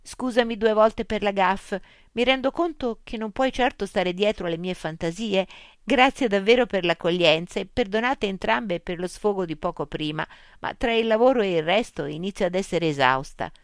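A woman's voice: medium pitch, moderate pace, clean tone, no echo, studio quality, voice pushed up, lightly acted. A woman voicing a flustered adult woman writer who keeps apologizing. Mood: apologetic.

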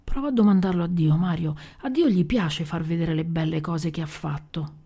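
A woman voicing a seven-year-old girl who soothes her brother in a soft whisper in a storybook reading. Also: on the low side, moderate pace, husky. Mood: soft soothing.

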